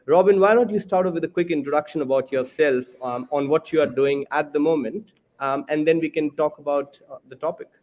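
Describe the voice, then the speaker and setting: A man's voice: fairly high pitch, brisk, a little mellow, dull audio. A man hosting a podcast interview, leading in with long, meandering introductions. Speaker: podcast host.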